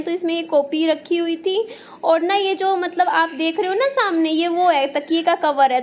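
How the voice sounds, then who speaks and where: A woman's voice: very high-pitched, slight background noise. A young woman narrating her day in a chatty, rambling vlog, full of fillers. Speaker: vlogger.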